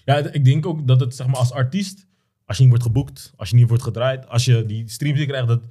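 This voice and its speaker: A man's voice: medium pitch, fairly quick, warm tone, breathy edge. A man co-hosting a casual podcast chat, peppering his talk with "man" and "bro". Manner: says "man" and "bro" a lot.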